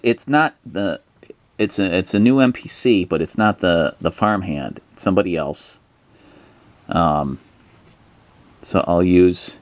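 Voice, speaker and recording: A man narrating a solo tabletop adventure, thinking aloud with plenty of hesitations as he rolls and decides. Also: deep voice. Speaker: solo tabletop game player.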